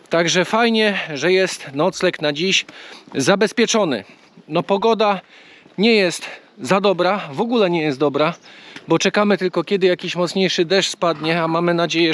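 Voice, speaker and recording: A man's voice: high voice, a bit bright. A young man casually vlogging a pilgrimage walk, chatting and joking with viewers as he wanders outdoors and through a small church. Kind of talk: casual vlog talk to camera.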